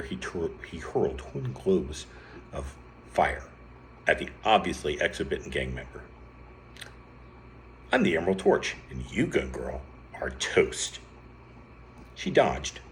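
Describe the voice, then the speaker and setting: A man reading an adventure story aloud in a lively way, with sudden lifts in pitch and some stumbles over words. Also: a little hiss or hum.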